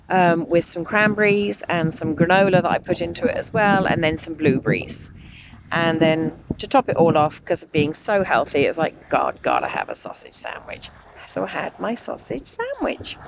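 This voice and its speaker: Brief: middle-aged woman vlogger, chatty storyteller, some fry in the voice, steady background noise. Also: lowish voice. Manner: chatty, rambling, enthusiastic storyteller. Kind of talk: casual travel vlog chat. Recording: muffled lo-fi audio with clear background noise.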